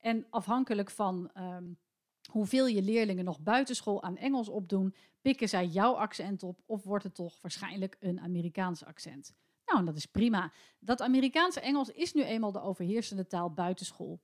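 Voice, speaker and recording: A woman's voice: medium pitch, normal speed, darkish tone. A woman in her forties from the Netherlands hosts her own podcast as a teacher trainer. She talks in a chatty, opinionated way and often stops to hesitate mid-thought. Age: 40s. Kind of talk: solo podcast talk.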